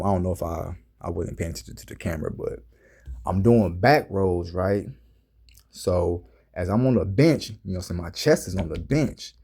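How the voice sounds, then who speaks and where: Laid-back gravelly-voiced man telling a story. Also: deep voice, dark tone. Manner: laid-back slangy storytelling, addresses viewers as fellas. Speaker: fitness vlogger. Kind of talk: casual storytelling to camera.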